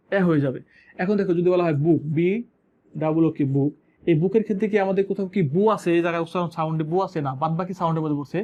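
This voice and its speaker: A man from Bangladesh teaching English grammar, repeating sounds and words slowly and asking and answering his own questions. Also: high voice, phone-quality sound. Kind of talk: classroom lesson.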